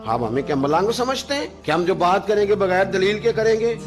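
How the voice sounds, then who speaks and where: A man preaching an Islamic sermon with fervor, rising to loud, emphatic peaks. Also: sits high, lively intonation, fairly quick. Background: background music.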